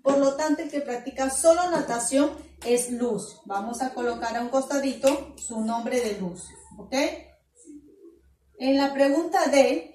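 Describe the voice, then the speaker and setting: A woman's voice: high voice, unhurried, warm tone, far from the mic. A woman with a Peruvian Spanish accent teaching a primary school math class online, explaining patiently step by step. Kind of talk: virtual class lesson. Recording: echoey room, voice away from mic, faint noise.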